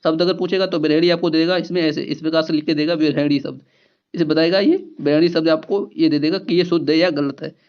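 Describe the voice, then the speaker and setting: A man with a fairly high voice teaches an exam-prep grammar lesson. He goes through each point slowly, repeating key words and asking questions back to the class. The recording sounds dull and lo-fi. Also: steady tone. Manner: explains step by step, repeats key words, asks rhetorical questions.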